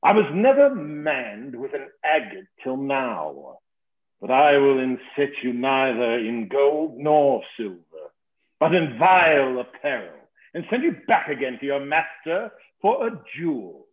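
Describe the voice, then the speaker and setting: A fat, boastful old knight, played by a man, rolls out his insults slowly and with relish, his pitch climbing and dropping theatrically. The sound is thin and phone-like, bouncing around an echoey room. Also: big pitch swings. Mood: mocking. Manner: blustering, mocking, savoring insults. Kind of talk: theatrical verse-play reading.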